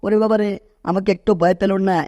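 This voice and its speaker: Cartoon dub: a boastful, scheming cat, voiced by a man in a slightly high voice, threatening and groaning, dry close mic. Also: fairly even intonation, fast, warm tone, no echo, lightly acted. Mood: blustering.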